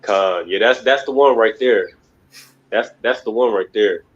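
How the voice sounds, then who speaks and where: Speaking at a measured pace in a voice on the low side, a man teaches a religious class. His talk rambles emphatically, peppered with the repeated filler "you know what I mean." The top end of the audio is cut off.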